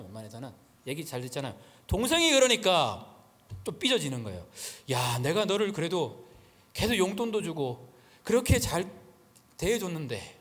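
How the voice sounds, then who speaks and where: Animated male pastor in a reverberant hall. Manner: animated storytelling, frequent fillers, rapid pitch swings. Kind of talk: sermon.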